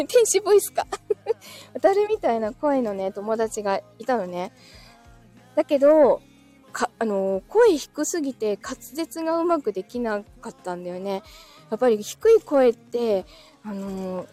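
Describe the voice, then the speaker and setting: Giggly female livestream host, high and mellow voice, chatty with commenters, soft music behind. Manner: laughs often, chatty, reacts to comments. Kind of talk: casual livestream chat.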